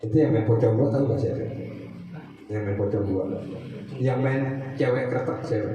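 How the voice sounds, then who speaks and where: A man leads an evening study class, chatty and joking, dropping Arabic terms into street slang. His voice sounds distant in a very echoey room, with clear background hum. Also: lowish voice, moderate pace, mellow, muffled recording. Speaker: religious teacher. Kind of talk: casual religious study class. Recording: echoey room, far from the mic, noisy.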